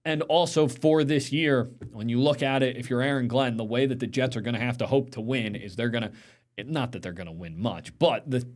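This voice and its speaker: A man's voice: mid-range voice, brisk. A man co-hosting a casual sports talk show, agreeable and analytical, often answering with short affirmations.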